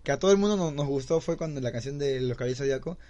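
A man co-hosting a casual podcast, agreeable and hesitant, filling pauses with "este" and "claro". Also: medium pitch, animated, mellow, muffled recording. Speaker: podcast co-host. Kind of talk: casual debate chat.

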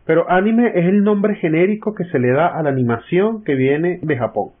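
A man's voice: a little high, expressive, moderate pace. A man co-hosting a casual podcast, explaining things at length with many restarts. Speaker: podcast co-host. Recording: tinny online call audio.

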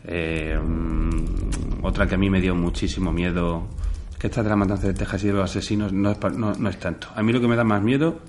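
A man from hosting a casual chat about films, relaxed and talking straight to his listeners. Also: sits low, fairly quick, slight background noise. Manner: relaxed, chatty, addresses listeners. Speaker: podcast host.

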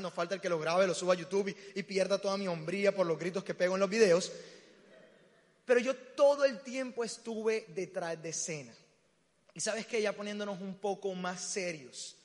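A young man, preaching and telling a story with acted-out voices and sudden shouts. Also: high-pitched. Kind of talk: storytelling sermon. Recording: reverberant hall.

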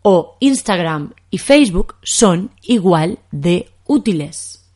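Slow-speaking Castilian Spanish woman teacher. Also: on the low side, animated, a little mellow, husky. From Spain. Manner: patient, explains slowly with examples. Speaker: Spanish teacher, podcast host. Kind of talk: podcast language lesson.

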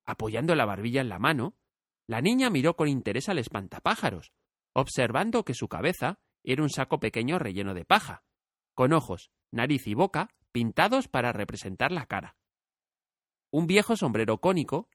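A man narrating a storybook audiobook with clear, steady storytelling. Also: medium pitch, no echo, clean studio sound.

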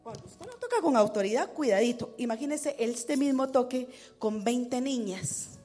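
A woman preaching to her congregation in an animated way, breaking into war cries and sounding out drum beats. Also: fairly high pitch, normal speed, soft background music. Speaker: preacher teaching tambourine and worship dance. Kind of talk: lively sermon to a congregation.

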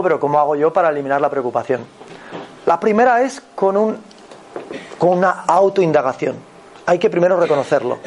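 A man with an accent from Spain giving a motivational talk as a personal growth mentor, animated and repetitive, often checking in with his listeners. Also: a little high, slight background noise. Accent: Spain Spanish.

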